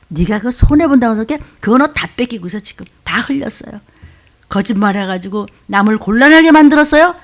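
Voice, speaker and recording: High-voiced woman preaching a Jeolla-tinged sermon. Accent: Korean with Jeolla dialect touches. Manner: emphatic, swings between loud exhortation and hushed asides.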